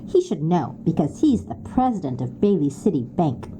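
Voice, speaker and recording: A woman voicing a bossy young schoolgirl with a squeaky voice in a storybook. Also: very animated, normal speed, mellow, a little hiss or hum, rough recording.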